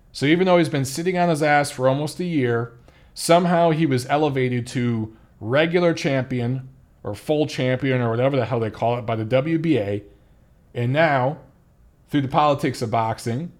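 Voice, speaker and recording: A man hosting a boxing podcast, giving blunt, profane, exasperated commentary in a casual talking style. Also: medium pitch.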